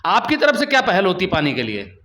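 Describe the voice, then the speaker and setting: A man's voice: high voice, wildly swooping pitch, brisk, bright, forceful tone. A male journalist interviewing a politician, asking pointed, confrontational questions.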